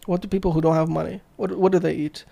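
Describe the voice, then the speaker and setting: A man hosting a podcast in casual chat, blunt and quick, swearing freely. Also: on the high side, level tone, creaky, warm tone. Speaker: podcast host.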